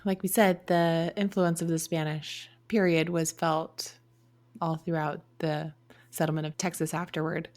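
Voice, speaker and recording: A woman co-hosting a genealogy podcast, explaining history in a measured, thinking-aloud way. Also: sits low, darkish tone. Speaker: podcast co-host. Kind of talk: conversational podcast discussion.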